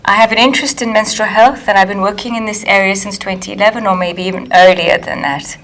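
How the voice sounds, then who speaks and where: A woman from Kenya, an author and editor speaking in a measured, careful way during a recorded interview with retakes. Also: medium pitch, steady tone, fairly bright tone. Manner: measured, careful, restarts lines.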